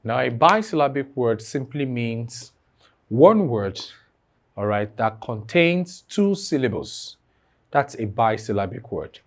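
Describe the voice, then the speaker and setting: Male tutor, slow deliberate delivery, drills points by repetition and quizzes the class. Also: medium pitch, big pitch swings. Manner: repeats key phrases, asks the class fill-in questions. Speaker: exam-prep English teacher. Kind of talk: online classroom lecture.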